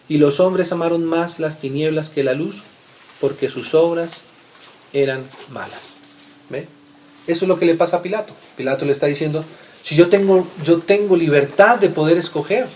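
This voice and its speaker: A man preaching in a fairly high voice, reading scripture loudly and then dropping to soft asides. He keeps checking in with his congregation by asking "right?". A faint background noise sits under the recording. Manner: reads scripture aloud, asks listeners "¿cierto?" often; swings between loud readings and soft asides. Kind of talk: Bible teaching.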